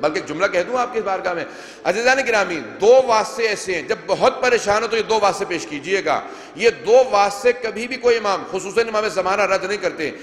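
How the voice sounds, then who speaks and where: High-voiced preacher in echoing hall. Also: male voice, fairly bright tone. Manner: declamatory, retells narrations with quoted dialogue. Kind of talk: majlis sermon recitation. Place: large hall with long reverb. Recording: echoey reverberant hall.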